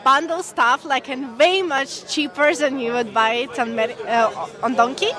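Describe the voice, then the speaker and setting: A woman from Latvia answering a street interview, speaking haltingly with many fillers. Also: sits high. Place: busy city street outdoors. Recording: noisy crowd around.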